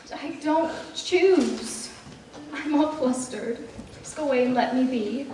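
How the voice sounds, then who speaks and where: Young woman playing sweet-pitched proper flustered girl, stubborn streak, stage play, echoey and far from mic. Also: a little slow, a little mellow, slight background noise. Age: teenage or young adult performer. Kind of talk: high school stage play acting.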